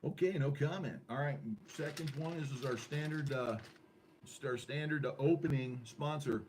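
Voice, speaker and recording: A man's voice: medium pitch, normal speed. A man hosting an amateur radio club net in a casual, rambling, jokey way. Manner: jokey, with mock sponsor plugs. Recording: noisy ham radio room recording.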